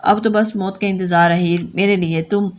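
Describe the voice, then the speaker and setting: A woman's voice: mid-range voice, fairly even intonation, moderate pace, close to an everyday voice. A woman voicing an emotional, lovesick young man in an audio novel reading, speaking earnestly and pleadingly. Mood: sorrowful.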